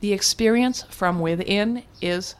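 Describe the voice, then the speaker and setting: A woman's voice: mid-range voice, a little slow, clear, resonant tone. An older woman speaking as a guest in an interview, frank and reflective, with restarts and occasional laughs. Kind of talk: candid conversational interview.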